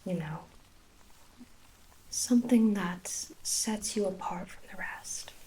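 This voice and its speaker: A woman with an Irish accent in a soft whispered role-play, playing a gentle, attentive hair sorcerer with old-fashioned storybook phrasing. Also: medium pitch, slow, low-quality recording. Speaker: ASMR performer.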